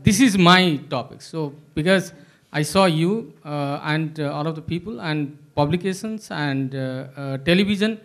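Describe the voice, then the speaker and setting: Guy asking the panel a question, high voice, keeps saying uh and you know. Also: a bit bright. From Nepal. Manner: halting, many filler sounds. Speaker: audience member asking a question. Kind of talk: hesitant spoken question at a panel.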